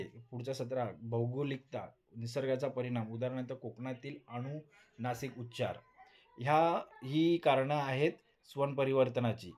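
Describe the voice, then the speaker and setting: A man's voice: medium pitch, a little mellow. Man lecturing with frequent restarts. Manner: reads out points and repeats them with frequent restarts. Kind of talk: recorded Marathi linguistics lecture.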